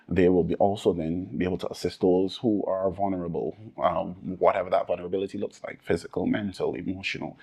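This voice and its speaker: A man from Barbados with a Barbadian accent, answering interview questions earnestly in measured, repetitive lists of points. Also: low-pitched, creaky, a little mellow, slightly rough. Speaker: interview guest, disaster resilience advocate.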